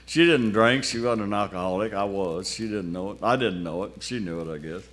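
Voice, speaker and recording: A man's voice: on the low side, a little fast, a bit bright. An older man, a pastor, telling a personal testimony in a folksy, colloquial, wry way. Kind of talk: sermon testimony storytelling.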